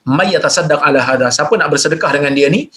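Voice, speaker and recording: A man with a Malaysian Malay accent reading out listeners' questions and answering them in a religious Q&A lecture, explaining plainly and jumping up in pitch to stress points. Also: fast, sharp tone. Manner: reads questions aloud then explains plainly.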